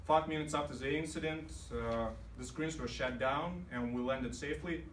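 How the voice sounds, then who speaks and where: A man's voice: on the high side, moderate pace, fairly bright tone, slight background noise. Man, club storytelling speech, hesitant fillers, roomy hall, distant mic. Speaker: club speaker. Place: meeting room.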